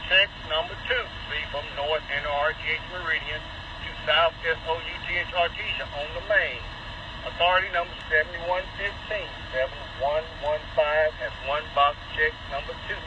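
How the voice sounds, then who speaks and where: A man's voice: a little high, steady tone, moderate pace. A man on a train crew speaking over a two-way radio, methodically reading numbers back digit by digit. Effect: two-way radio transmission. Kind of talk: radio procedure talk. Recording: muffled radio with engine noise.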